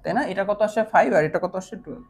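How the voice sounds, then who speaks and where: A woman's voice: fairly low pitch, very fast, gravelly, a little mellow, slightly rough. A woman teaching an online math lesson, patiently asking her students whether they follow and mixing English math terms into her speech. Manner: patient, keeps checking understanding with questions.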